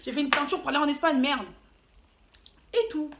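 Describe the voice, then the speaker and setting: A woman telling a story to camera in a casual, animated and slangy way, with playful asides. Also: high voice, fairly quick. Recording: roomy echo, faint noise.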